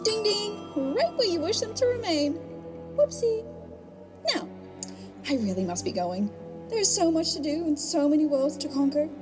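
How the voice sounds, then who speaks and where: Taunting glee fills the performance of this theatrical rabbit villainess, an audio-drama trickster who mocks everyone and relishes her own show like a hammy, showboating host. She speaks at normal speed in a high voice with big pitch swings, over background music.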